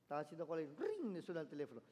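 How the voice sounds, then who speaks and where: A man's voice: on the high side, huge pitch swings, very fast, darkish tone. A man preaching a sermon as pastor, emphatic and calling the congregation to repeat phrases after him. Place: church sanctuary. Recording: long church reverb.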